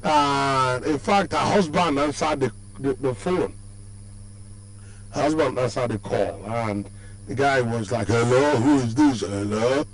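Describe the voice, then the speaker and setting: Animated Nigerian radio host, baritone. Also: male voice, takes it slowly, poor audio. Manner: animated, sing-song and effusive, frequent fillers and restarts. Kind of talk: lively sports radio presenting. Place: radio studio. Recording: radio stream with faint hum.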